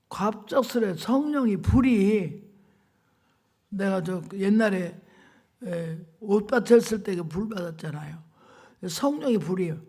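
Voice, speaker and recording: A woman's voice: medium pitch, gravelly, darkish tone. Older woman preaching an emotional testimony. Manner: emotional, dramatic storytelling; colloquial, emphatic. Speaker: revival preacher. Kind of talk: sermon testimony.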